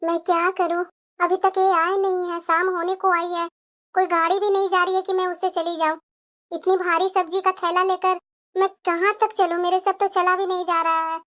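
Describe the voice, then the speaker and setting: A woman's voice: very high-pitched, flat delivery, moderate pace. A woman voicing a meek pleading young daughter-in-law. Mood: weary. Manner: pleading, soft-spoken.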